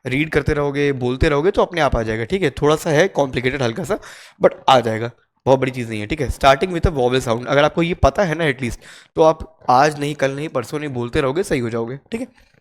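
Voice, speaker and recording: A man with an Indian accent talks through an English grammar lesson. His pitch sits in the middle range, and he keeps it casual and chatty. He drills each rule slowly and keeps checking that his listeners follow. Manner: chatty, repeats "theek hai" often, drills rules slowly. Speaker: English teacher.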